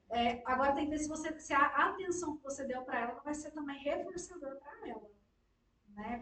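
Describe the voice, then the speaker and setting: A woman's voice: high-pitched, a bit bright, far from the mic, a little hiss or hum. A Brazilian Portuguese-speaking woman teaching a class, direct and reassuring, with frequent tag questions. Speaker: instructor. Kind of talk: class discussion. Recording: echoey room, away from the mic.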